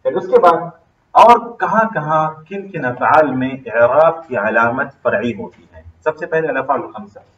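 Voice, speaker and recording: A man's voice: mid-range voice, lively intonation, unhurried, fairly bright tone, lo-fi sound. A man with a Pakistani Urdu accent teaching an Arabic grammar lesson, drilling students with questions and repeating terms emphatically. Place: classroom. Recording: roomy classroom, mic far off.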